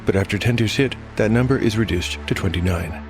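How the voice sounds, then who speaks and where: Acting as game master, a man with a very low voice narrates a fantasy tale at a brisk pace. His delivery is scripted and dramatic, and faint music plays underneath.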